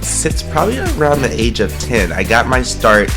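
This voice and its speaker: A man, telling his story as an interview guest in a podcast studio, friendly and quick to laugh. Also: mid-range voice, expressive, over music. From San Francisco Bay Area, California. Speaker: guest, actor and dancer. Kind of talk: casual interview chat.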